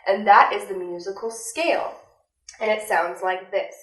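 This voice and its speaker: A young adult woman giving a vocal lesson, explaining clearly and demonstrating with sung examples. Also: mid-range voice, fairly even intonation, normal speed. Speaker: vocal instructor. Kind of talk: instructional voice lesson. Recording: roomy, from a distance, with faint music.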